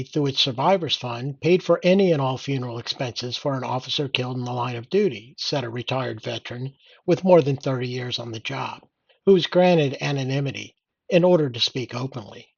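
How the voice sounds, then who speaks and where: A man's voice: medium pitch, fairly quick, vocal fry, breathy edge, no room sound, dull audio. An older man reading out and commenting on news in an indignant, sardonic old-man rant. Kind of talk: opinionated read-aloud news commentary.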